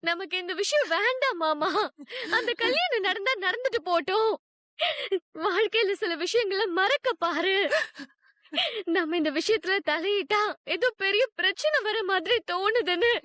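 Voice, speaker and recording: A tearful, regretful young wife with a very high, bright voice. She speaks through tears in a dubbed TV serial. The recording is dry and close. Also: lively intonation, moderate pace, dry recording, full character voice. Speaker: wife of the arrested man.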